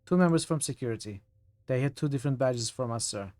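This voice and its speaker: A man's voice: mid-range voice, lively intonation, fast, darkish tone, close to an everyday voice. A man voicing a polite, deferential young male cadet who speaks formally, like a butler, and keeps calling others sir. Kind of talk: voicing a character while playing a video game.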